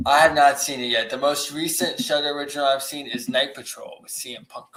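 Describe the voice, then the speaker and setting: A man's voice: fairly high pitch, fairly even intonation, a little fast, pushed and bright, roomy sound, a little hiss or hum, rough recording. A man co-hosting a podcast in casual chat, easygoing and recovering from a recent illness with a cough. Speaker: podcast co-host.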